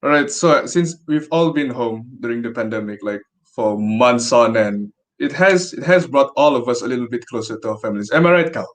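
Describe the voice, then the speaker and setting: A man's voice: medium pitch, animated, a little fast. A young man hosting a casual chat in a conversational way. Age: young adult. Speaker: podcast host.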